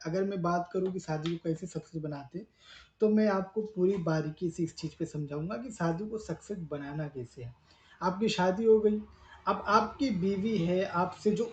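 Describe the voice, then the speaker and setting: A man's voice: sits high, darkish tone, reverberant, muffled recording, a little hiss or hum. A man answering viewer questions in a live advice talk, earnest and explaining step by step while repeating his points.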